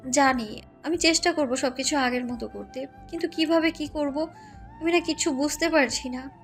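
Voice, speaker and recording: An actress playing a hurt young wife who sulks and pleads in an audio drama. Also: female voice, sits high, moderate pace, soft background music. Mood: troubled. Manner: wounded, sulky. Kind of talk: Bengali audio drama acting.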